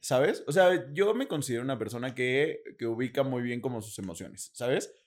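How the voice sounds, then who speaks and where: A man with a Mexican accent co-hosts a relaxed conversation. He talks in loose slang and jokes often, laughing as he goes. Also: medium pitch, moderate pace. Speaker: podcast co-host. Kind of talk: casual chat.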